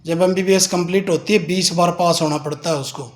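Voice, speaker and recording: A man with a high voice speaks earnestly to parents, giving advice in a plain, informal way. He is middle-aged and often reels off numbers as he makes his case. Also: fairly even intonation, brisk. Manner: earnest, advising, reels off figures. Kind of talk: informal address at a protest.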